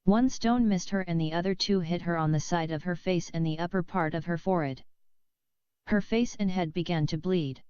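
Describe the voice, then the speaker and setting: Smooth low-voiced woman reading an audiobook. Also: normal speed, a little mellow, dry recording. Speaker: audiobook reader. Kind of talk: scripted audiobook narration. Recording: dull lo-fi dry recording.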